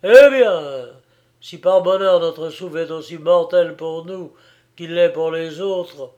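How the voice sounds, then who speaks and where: A man's voice: on the high side, steady tone, slow pace, lo-fi sound. A man voicing a furious, bitter young man. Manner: loud, raging outbursts. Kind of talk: audiobook character reading.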